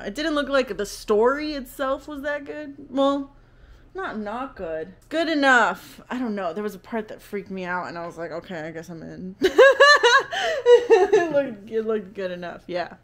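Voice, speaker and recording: A woman's voice: fairly high pitch, big pitch swings, a little slow. Young woman, casual home vlogger, rambling and self-deprecating, laughs a lot. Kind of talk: casual vlog chat.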